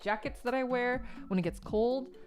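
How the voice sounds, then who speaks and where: Faint music plays behind this woman's fairly high, darkish voice, which keeps a moderate pace. Stuffed up from a sneeze that didn't happen, the streamer chats casually in her home gaming room while working on a model kit, giggling, rambling, and filling her list of things with ums.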